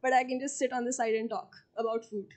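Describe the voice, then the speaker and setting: A woman from Pakistan hosting a casual podcast interview, animated and teasing, laughing often. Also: fairly high pitch, fast. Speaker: podcast host.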